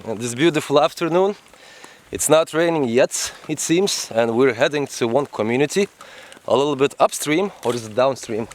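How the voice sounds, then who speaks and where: A man's voice: medium pitch, lively intonation, normal speed. A man narrating a travel vlog in a chatty way, with slightly non-native phrasing. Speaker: travel vlogger. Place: outdoors in the rainforest.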